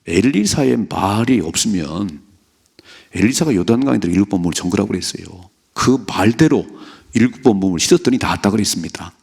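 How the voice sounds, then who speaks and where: Male pastor, middle-aged, low husky voice, animated sermon storytelling. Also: a little fast. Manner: animated storytelling, acting out characters' lines. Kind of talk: early-morning prayer sermon.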